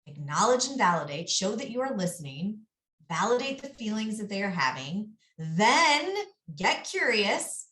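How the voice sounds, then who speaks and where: A woman coach presents to a business group in a lively, emphatic way and slips into voices for the people she quotes. Her voice sits at a middling pitch. The meeting room around her is roomy and echoing. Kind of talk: live presentation.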